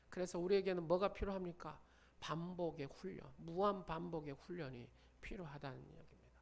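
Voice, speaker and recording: A male pastor preaching a sermon with fervor, booming out proclamations and then dropping to near whispers. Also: creaky. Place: church sanctuary.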